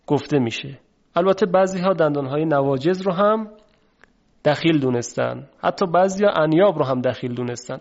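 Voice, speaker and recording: A man teaching a tajweed pronunciation lesson, patiently explaining and slowly drawing out sounds to demonstrate them. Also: fairly high pitch, a little mellow. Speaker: Quran recitation teacher. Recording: dull, lo-fi recording.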